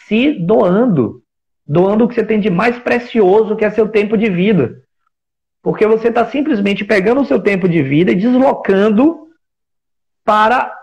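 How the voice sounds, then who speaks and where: A man with a Brazilian Portuguese accent giving a reflective explanatory talk in a live stream, often restarting phrases and posing rhetorical questions. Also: high-pitched. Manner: reflective, searching for words, with frequent restarts; builds points with rhetorical questions. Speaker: speaker on workplace listening.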